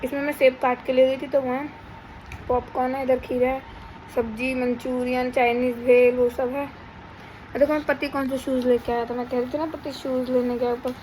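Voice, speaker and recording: A woman's voice: sits high, flat delivery, moderate pace, a little mellow, a little hiss or hum, low-quality recording. A young pregnant woman, chatting casually in a rambling home vlog. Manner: chatty, rambling, teasing her husband. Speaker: vlogger. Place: home indoors.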